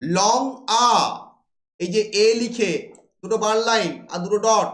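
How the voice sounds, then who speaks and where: High-voiced male teacher in a roomy echo. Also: unhurried. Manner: asks rhetorical questions then answers them. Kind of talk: classroom lecture.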